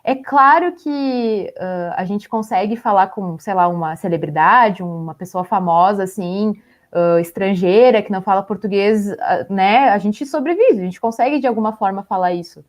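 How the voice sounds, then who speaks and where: A woman's voice: mid-range voice, normal speed. A young woman co-hosting a live stream, chatting casually and laughing lightly while she walks through photos. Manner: chatty, with many fillers and small laughs. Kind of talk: casual chat showing photos.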